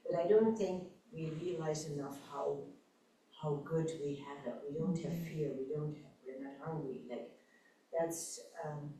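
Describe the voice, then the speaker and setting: A woman's voice: sits low, a little slow, warm tone. A woman sharing earnest reflections at a congregation gathering. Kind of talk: casual group sharing. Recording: echoey hall, far mic, faint noise.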